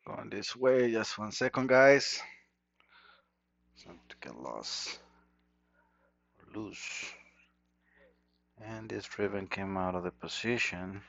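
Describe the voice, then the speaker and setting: Expressive and gravelly, this fairly low, slightly bright male voice takes things slowly and pauses often. He's a native Spanish speaker from Costa Rica with a Costa Rican accent, casually muttering to himself during a hands-on electronics repair at an indoor bench. An action camera mic captured it, leaving the audio dull and lo-fi.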